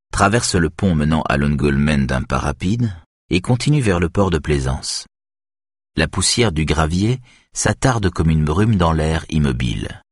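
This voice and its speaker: Deep, husky male narrator. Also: no echo, studio quality. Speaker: audiobook narrator. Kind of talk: scripted narration.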